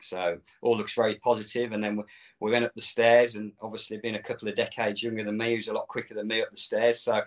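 A man's voice: lowish voice, flat delivery, quick pace. A middle-aged man chatting as a guest on a fan show, rambling and easygoing, often laughing. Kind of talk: casual chat.

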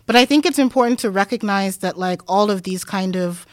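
A woman guest scholar who grew up in Denmark, talking through her ideas in a relaxed podcast interview, thinking aloud with many "like"s and "um"s and the odd wry laugh. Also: medium pitch, brisk, no echo, clean studio sound. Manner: reflective, thinks aloud with frequent "like" and "um"; laughs easily, wry asides.

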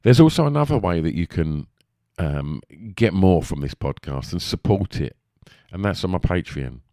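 A man's voice: low voice, darkish tone, no echo, studio quality. A man with an Essex accent and a lisp, hosting a podcast in a rambling, chatty, casual way. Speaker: podcast host.

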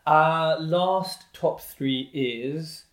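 A man's voice: a little high, very slow. A man hosting a podcast in casual conversation, blunt, opinionated and jokey. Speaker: podcast host. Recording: roomy echo.

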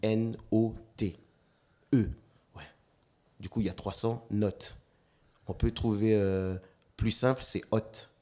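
A man, a dancer and slam artist, chatting as a guest in an interview, telling animated stories and acting out quotes, with frequent restarts. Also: fairly low pitch, slow pace, long pauses. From New Caledonia. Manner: animated storyteller, acts out quotes, stammers on restarts. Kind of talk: casual interview chat.

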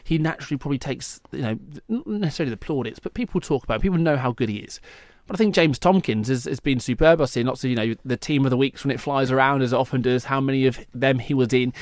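A man's voice: medium pitch, dry recording, clean studio sound. A man with a Leicester accent hosting a casual football discussion in a discursive, explanatory way. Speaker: football podcast host.

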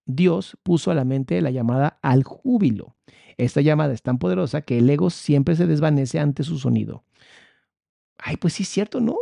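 A man with a Mexican accent reads a spiritual text aloud and breaks off into expressive, sarcastic commentary. His voice sits a little high, with a gravelly fry and a mellow, dark tone. The sound is dry and close. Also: no room sound. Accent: Mexican Spanish. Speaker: spiritual course teacher.

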